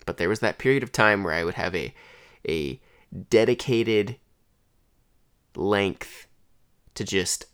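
Congested man, deep dry voice. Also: no echo. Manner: rambling, conversational, with restarts. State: congested throat and head. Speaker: podcast host. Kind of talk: casual solo monologue.

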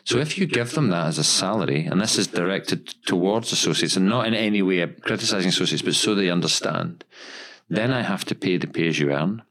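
Guy, very low voice, chatty podcast host, keeps repeating himself. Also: a little fast, fairly bright tone. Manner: emphatic, repeats words, talks in long runs. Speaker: podcast host, dental practice owner. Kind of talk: casual podcast discussion.

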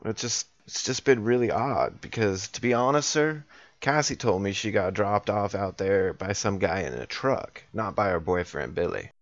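Low-voiced man in role-play, courteous, dry dull recording. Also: animated, moderate pace, no echo. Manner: polite, easygoing. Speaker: player. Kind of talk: in-character tabletop role-play.

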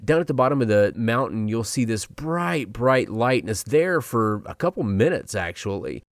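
A man's voice: medium pitch, expressive, moderate pace, dry recording, clean studio sound. A man hosting a casual talk show, speaking conversationally and straight to his listeners. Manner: conversational, addresses listeners directly.

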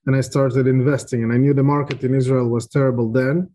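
A man in his thirties from Ukraine, raised in Israel, telling his story as a podcast guest in a measured way with frequent pauses. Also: medium pitch, little pitch movement, mellow. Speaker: real estate investor guest. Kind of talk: podcast interview.

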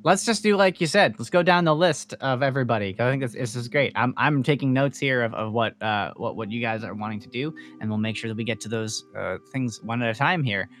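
A man's voice: medium pitch, brisk, few pauses, fairly bright tone, faint music behind. Casual rambling game master, man. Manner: casual, rambling, with many fillers and restarts. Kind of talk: narrating a tabletop game.

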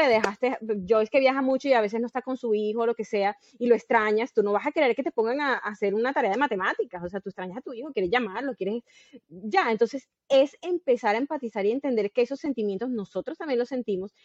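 A woman's voice: fairly high pitch, a little mellow, no echo. Earnest woman in her thirties. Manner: earnest, explanatory, tells anecdotes at length. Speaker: guest. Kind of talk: casual podcast conversation. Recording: dull, dry sound.

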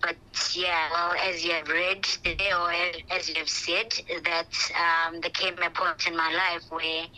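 A woman's voice: fairly low pitch, level tone, unhurried, hardly any pauses, sharp tone. A woman author answering interview questions over a phone line while travelling on the road, often hesitating and repeating words as she searches for them. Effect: heard over a phone line. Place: in a moving vehicle on the road. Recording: phone call, voice breaks up and drifts from the mic.

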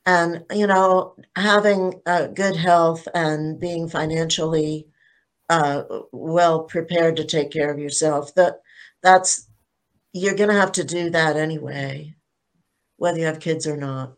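An older woman takes part as a panelist in a casual online discussion over a video call. Her voice is low and steady, and she speaks slowly and thoughtfully. She frequently restarts her sentences.

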